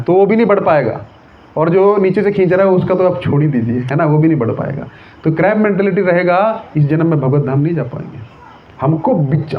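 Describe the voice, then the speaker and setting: A man preaching on scripture in a lively, conversational way, asking many rhetorical questions and checking that his listeners follow. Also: a little high. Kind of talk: sermon on scripture. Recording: tinny phone-like sound.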